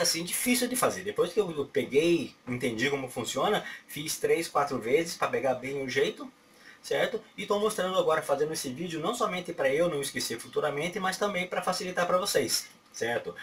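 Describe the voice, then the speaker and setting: A middle-aged Brazilian tech tutorial host with a Brazilian Portuguese accent rambles loosely through a casual phone setup walkthrough, his mid-range voice fairly bright. He keeps checking in with "right?" and fills pauses with "certo?" and mouth sounds like "pá, pá". He's at a desk in a small home office, picked up by a distant webcam mic with faint room noise.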